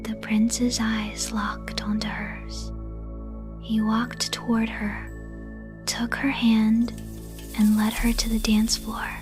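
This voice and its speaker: Slow whispering woman telling a bedtime story. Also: a little high, completely flat delivery. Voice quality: breathy, soft-spoken whisper. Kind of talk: whispered ASMR scripted fairy-tale narration. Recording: voice under clear background music. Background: music.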